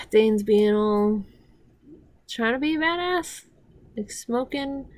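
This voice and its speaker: Speaking slowly in a fairly high voice with lively intonation, a woman reaction commentator rambles through a show in casual watch-along style. She recaps scenes, restarts often, and turns heated and sweary when annoyed.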